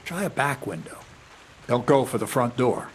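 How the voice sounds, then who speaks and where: An actor playing a blunt, coarse medieval thief who lectures on stealing, in a video game. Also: male voice, medium pitch, lively intonation, normal speed, a little hiss or hum, close to an everyday voice. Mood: lecturing. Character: gruff older male medieval thief, blunt and crude.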